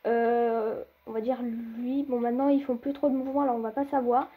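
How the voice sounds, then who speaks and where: A woman's voice: fairly high pitch, level tone, brisk, husky, narrow, tinny audio. A young woman rambling through a casual gameplay commentary, talking straight to her viewers with lots of fillers and hesitations. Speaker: gaming video creator.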